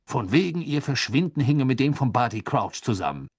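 A man voicing a flustered, blustering middle-aged minister who talks high, loud and pushy. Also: sing-song, normal speed, slightly rough, no room sound, studio quality. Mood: agitated.

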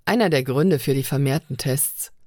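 Lady doing a bossy strong young guy on a ship, forceful and scolding. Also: rumbling low, normal speed, no room sound, studio quality. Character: stern, muscular young male crewman.

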